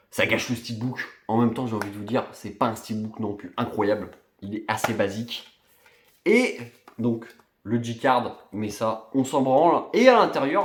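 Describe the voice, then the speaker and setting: A man's voice: mid-range voice, reverberant. A man casually showing off his film collection, chatty and rambling, with many fillers and restarts. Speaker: collector vlogger. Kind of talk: casual unboxing show-and-tell.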